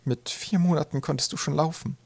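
A man voicing a fond troll mother in an audiobook, with a high, throaty, gurgling voice and soft, tender storytelling. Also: a little fast, gravelly, slightly rough, dry recording. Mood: proud. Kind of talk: audiobook character voice.

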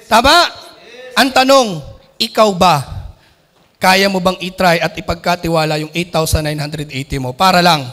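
A high-voiced man tells a comic story to a live audience and acts out each part with animation. His voice rings through an event hall with long reverb. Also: normal speed, long pauses, bright, forceful tone. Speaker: training director.

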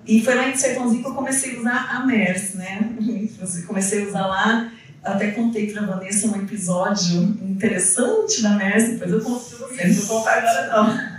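A woman from the São, an educator, tells an informal story to a seated audience from a small stage, acting out people's reactions and speaking slightly fast at medium pitch. She holds a handheld mic, but a distant camera captures the sound, so it comes across echoey and far off in the indoor event room.

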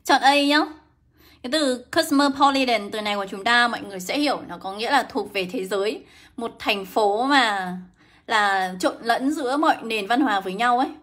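A young woman runs a live English lesson. Her voice is bright and a little high, and she talks in a brisk, coaxing way. She keeps calling out to her viewers by name as she goes. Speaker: English teacher. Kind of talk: livestream lesson.

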